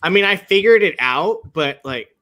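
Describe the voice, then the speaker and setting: Lively bright-toned man co-host. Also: high-pitched, normal speed. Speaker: podcast co-host. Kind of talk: casual chat.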